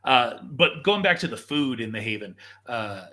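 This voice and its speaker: A man's voice: medium pitch, lively intonation, moderate pace, bright, forceful tone. A man hosting a casual live show, enthusiastically walking viewers through video footage like a tour guide. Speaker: show host.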